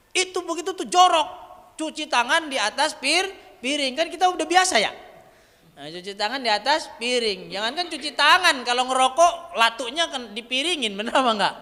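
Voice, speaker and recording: A man gives a dawn sermon in a very high, bright and forceful voice. He tells stories and keeps checking in with his listeners, slipping in Javanese words. A long reverb trails his voice through the hall. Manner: chatty storytelling, asks audience questions. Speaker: preacher. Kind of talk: dawn religious lecture.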